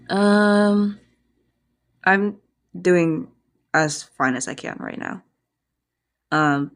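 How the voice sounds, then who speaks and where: Her voice is low with a slight brightness. Recorded on the iPad's own microphone, she chatters casually in a rambling, self-mocking way, much like a hobbyist vlogger.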